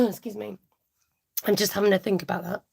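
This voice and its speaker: A woman in her forties talks through a budgeting livestream from home in a chatty, giggly way, reading out viewer comments as she goes. Her voice is gravelly and a little husky, sitting at an ordinary middle pitch for a woman. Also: huge pitch swings, normal speed, a bit bright. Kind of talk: casual livestream chat.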